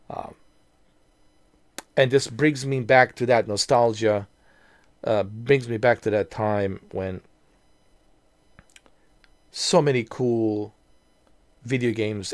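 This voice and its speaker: Captured in a dry recording, a lowish male voice belongs to a video creator in his mid-forties. He delivers a casual nostalgic vlog monologue, meandering and stumbling over restarts and fillers as he addresses viewers.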